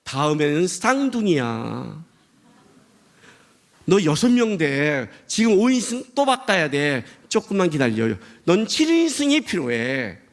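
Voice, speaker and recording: A man's voice: sits high, very animated, moderate pace, few pauses. A man voicing God, who earnestly and pleadingly questions a wayward prophet, his voice rising with emphasis. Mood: patient.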